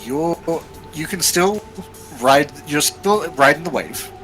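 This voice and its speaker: A man narrating a tabletop role-playing game as game master, describing scenes in a measured way with fillers. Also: fairly high pitch, lively intonation, over music, rough recording.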